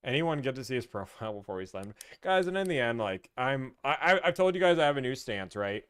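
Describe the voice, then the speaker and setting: A man's voice: mid-range voice, big pitch swings, quick pace, fairly bright tone, clear, resonant tone. A man hosting a casual live stream, rambling, teasing and answering comments from chat.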